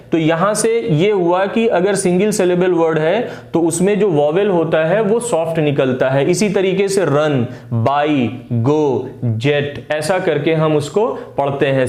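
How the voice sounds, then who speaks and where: A man's voice: fairly high pitch, a little mellow, echoey room. Man teaching phonics. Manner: patient, with frequent "uh" fillers. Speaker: English phonics tutor. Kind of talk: explaining lesson.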